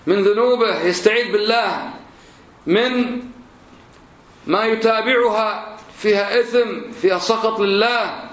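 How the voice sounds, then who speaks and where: A man's voice: high-pitched, a bit bright. A man teaching a class and drilling verb forms through questions. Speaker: religion teacher. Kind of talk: classroom lesson. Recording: roomy, dull lo-fi recording.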